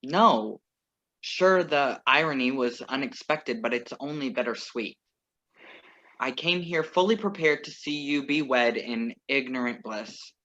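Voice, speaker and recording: A man with a sharp, mid-range voice reads the role of a wry, self-possessed former lover who turns up uninvited at a wedding, as part of a video-call play reading. He delivers it in a measured, earnest, wry manner, though the call audio comes through muffled.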